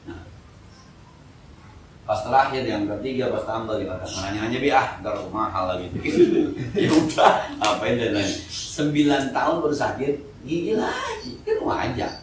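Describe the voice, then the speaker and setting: This preacher's mid-range voice swings hugely in pitch as he talks unhurriedly, with slight background noise. A middle-aged Betawi Jakarta man, he delivers a jokey, slangy mosque study-circle sermon that acts out everyday situations, captured by a distant mic in an echoey hall.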